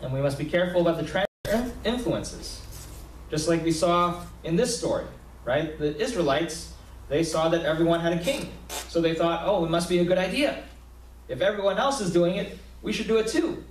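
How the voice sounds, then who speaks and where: A man's voice: fairly high pitch, animated, moderate pace, a little hiss or hum. A young man preaching a sermon in a small church hall, talking conversationally with many fillers and restarts. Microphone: podium mic, filmed from a far camera. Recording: roomy hall sound from far off.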